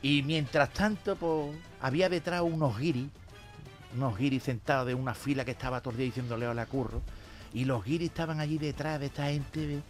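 A man's voice: medium pitch, brisk, soft background music. A man telling jokes on a radio show, acting out the characters in his stories. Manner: animated storyteller, voicing characters in the jokes. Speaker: radio joke teller.

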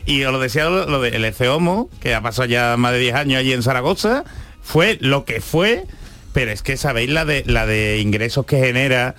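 A man's voice: medium pitch, animated, a little fast, fairly bright tone. A man hosting a radio talk show, chatty and earnest, often checking that the others agree. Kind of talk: casual radio chat.

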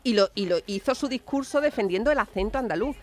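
A woman's voice: fairly high pitch, lively intonation, quick pace. A woman on a talk show panel, stating firm opinions in casual chat.

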